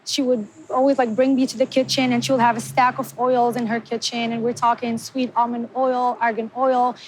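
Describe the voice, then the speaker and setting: A young woman from Morocco, a business founder giving a conversational interview and speaking in a measured way, sometimes searching for her words. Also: fairly high pitch, little pitch movement, a little hiss or hum, poor audio.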